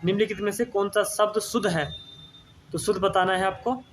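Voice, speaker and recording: Male tutor, higher register, methodical quiz walkthrough, repeats words and checks in. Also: steady tone, fairly quick, noisy background. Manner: repeats words, asks and answers, tag "ठीक है ना". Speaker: teacher. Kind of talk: exam-prep spelling lesson.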